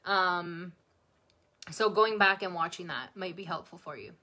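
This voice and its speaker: A woman tutoring nursing exam students on a live stream, bubbly and excitable, chatting and answering viewers' comments. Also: lowish voice, measured pace. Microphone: phone or webcam, livestream.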